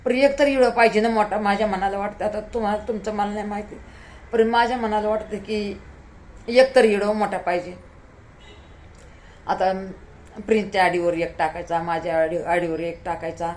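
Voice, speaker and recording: A tired woman speaks straight to her viewers, pleading and heartfelt. She repeats her words as she goes, and her voice sits at an ordinary middle pitch. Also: fairly even intonation, normal speed, darkish tone. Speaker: YouTuber. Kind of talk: emotional talk to camera.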